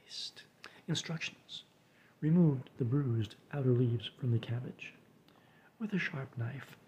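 Guy reading stuff out quietly, lots of whispering, warm low tone, dry jokes. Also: slight background noise. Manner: soft, slow, often whispered delivery; dry deadpan asides. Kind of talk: quiet reflective readings and recipe read-aloud.

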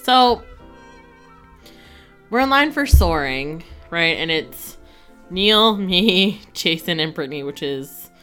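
A woman's voice: lowish voice, lively intonation, takes it slowly, pauses often, bright, forceful tone, clean tone, soft background music. A woman co-hosting a casual podcast chat, talking in a chatty, giggly way full of fillers. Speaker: podcast co-host.

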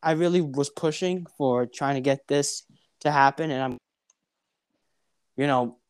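Young male podcast host, rambling, restarts a lot; smooth, clean tone, close and dry. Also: medium pitch, measured pace, no room sound. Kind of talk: casual interview.

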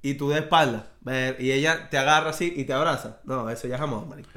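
A man's voice: mid-range voice, fast, pushed and bright. A man with a Venezuelan accent co-hosting a podcast, trading gossip in a slangy, joking way and trailing off as he searches for words. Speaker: podcast co-host. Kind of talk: casual gossip chat.

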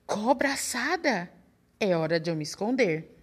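A woman's voice: medium pitch, animated, normal speed, breathy edge. A woman voicing a nervous, hungry female snake who keeps asking questions in a storybook reading.

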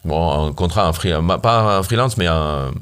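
A man's voice: low voice, animated, moderate pace, a bit bright, clear, resonant tone. A founder from Syria, telling his story animatedly in an interview, with many fillers and restarts. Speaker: startup founder guest.

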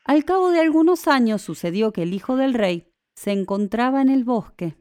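A woman narrating a classic fairy tale in a measured storytelling manner. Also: on the high side, lively intonation, darkish tone, no echo.

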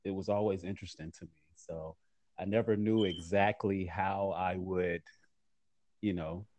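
A man giving measured, earnest interview answers in fairly formal wording as a magazine editor. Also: low voice, steady tone, darkish tone.

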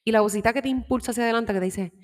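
A woman's voice: fairly high pitch, racing. Woman reading tarot cards, chatty, drops english words in, long reverb on the mic. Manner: chatty, mixes in English words, laughs often. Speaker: tarot reader. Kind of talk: casual spiritual guidance talk. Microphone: microphone with headphones.

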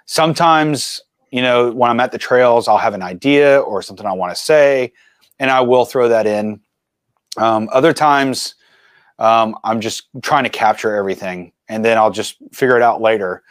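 A man in his forties, a filmmaker and mountain biker, telling stories as a guest in a casual interview with animated, chatty energy. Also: mid-range voice, normal speed, no echo. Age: 40s.

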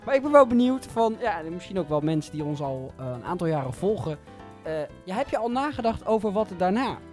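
A man's voice: sits high, very animated, fairly quick, soft background music. A man hosting an informal radio and podcast interview in a conversational way.

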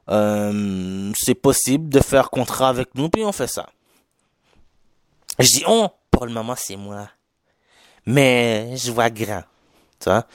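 Rambling Québécois man with a lively, unhurried voice. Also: mid-range voice, dry recording, clean studio sound. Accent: Québécois French with a slight Haitian touch. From Quebec. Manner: rambling, chatty, lots of fillers and restarts, drops English slang words. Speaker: podcast host. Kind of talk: casual solo podcast monologue.

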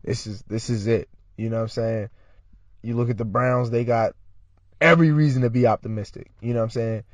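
A man's voice: medium pitch, fairly even intonation, a little fast, no room sound. A man co-hosting a casual sports podcast, laid-back and teasing, with lots of filler asides. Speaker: podcast co-host.

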